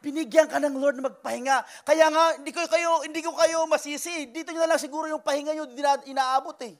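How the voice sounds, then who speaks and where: A man preaching a sermon in church as pastor, animated, with acted quotes and sudden shouts. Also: very high-pitched, fast.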